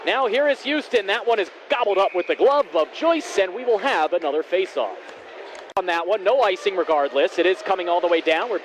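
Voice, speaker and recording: A man doing live ice hockey play-by-play commentary, raising his voice into excited shouts on scoring chances. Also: high voice. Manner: excited raised goal calls, shouting on chances. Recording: noisy rink, faint background noise.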